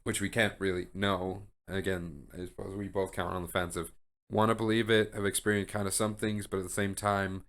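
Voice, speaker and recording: Podcast host, male, lowish voice, rambling casual musing with lots of restarts. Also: flat delivery, a little fast, fairly bright tone. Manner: rambling, speculative, many restarts and filler words. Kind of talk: casual chat.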